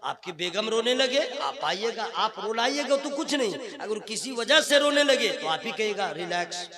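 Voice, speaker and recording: A man with a strikingly high-pitched voice delivers a religious speech at a conference, his fervent, rhythmic preaching giving way to relaxed, joking asides. The live crowd can be heard behind him throughout. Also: normal speed. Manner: alternates impassioned rhythmic oratory with chatty, joking asides to the crowd. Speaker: Islamic preacher. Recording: live event with audible crowd. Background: audience murmur and laughter.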